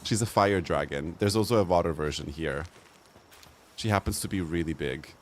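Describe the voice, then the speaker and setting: A young man live-streams a game, chatting casually over the gameplay in a campy, playful way and laughing often. His voice is low-pitched at normal speed, with a little hiss or hum in the audio.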